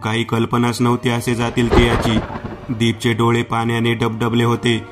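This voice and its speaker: Marathi guy reading a scary story, low-ish flat voice, soft music behind. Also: moderate pace. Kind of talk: scripted horror story narration.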